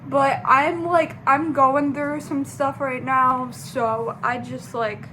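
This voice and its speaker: A young woman vlogging casually, rambling in a halting way with many fillers and restarts. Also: sits high, steady tone, pushed and bright, slight background noise. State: sleepy, just woke up. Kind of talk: casual personal vlog.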